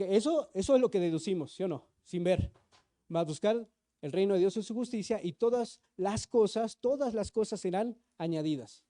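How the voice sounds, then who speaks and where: A male preacher, his voice pitched high yet dark and mellow in tone. He teaches in a sermon, checking in with the congregation through frequent questions and slowing down to read scripture with care. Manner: keeps asking the congregation questions; reads scripture slowly and deliberately. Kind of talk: sermon, teaching Bible study. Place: church, streamed live.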